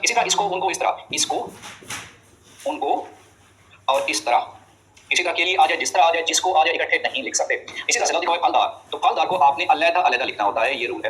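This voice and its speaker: A man runs through an exam-prep spelling lesson at a brisk clip, his voice sitting a bit high. He drills each rule and tells students to remember it. Faint room noise hums under him. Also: a bit bright, low-quality recording. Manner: quick, drilling explanations with frequent reminders. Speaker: teacher.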